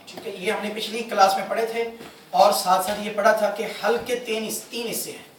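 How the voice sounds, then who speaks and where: A man's voice: high voice, fairly even intonation, a little hiss or hum. A man teaching a religious class at a mosque, emphatic and drilling his students in call-and-response. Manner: emphatic, repeats and drills the class, urges everyone to speak up. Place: mosque prayer hall. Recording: very echoey hall, voice from far off.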